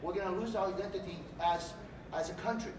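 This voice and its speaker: A man's voice: high-pitched, fast talker. Man giving a campaign speech. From Romania. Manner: animated, gesturing while speaking. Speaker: political candidate. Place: large hotel meeting room. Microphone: far camera. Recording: echoey room, distant mic, background noise.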